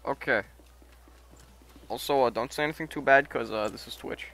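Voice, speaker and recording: A man's voice: mid-range voice, normal speed, fairly bright tone. A young man streaming a game with friends, casual and exasperated, swearing often. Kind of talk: casual gameplay chat with friends.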